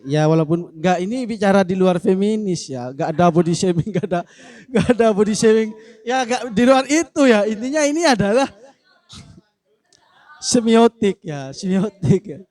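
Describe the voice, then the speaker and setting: A man's voice: high voice, expressive, normal speed, darkish tone. A man in a casual discussion, answering in a playful, joking way. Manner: playful, joking, acts out example phrases. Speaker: discussion speaker answering a question.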